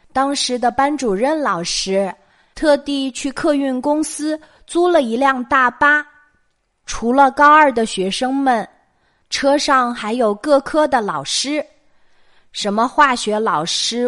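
Middle-aged woman, Mainland Mandarin accent, fairly high voice, bedtime storytelling, conversational phrasing. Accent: Mainland Chinese Mandarin. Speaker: storytelling host of a bedtime show. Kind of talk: bedtime storytelling of childhood memories.

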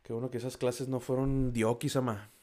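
In a slightly fast, somewhat mellow voice of medium pitch with little pitch movement, a vlogger with a Mexican accent reads out a list. He chats in slangy, profane Spanish and fumbles the foreign food names.

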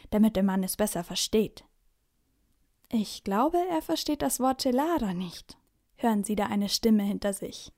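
A woman narrating a children's bedtime story in a clear storytelling manner. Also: medium pitch, warm tone.

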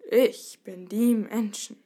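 A woman playing a hungry dragon in a storybook, wary and gloomy. It speaks slowly and sounds downcast. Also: medium pitch, fairly even intonation, a little mellow, lightly acted.

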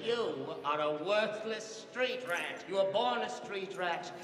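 An actor playing an arrogant young prince, sneering and pompous, in a film clip heard in a reverberant hall. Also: male voice, high-pitched, animated, slow. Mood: scornful.

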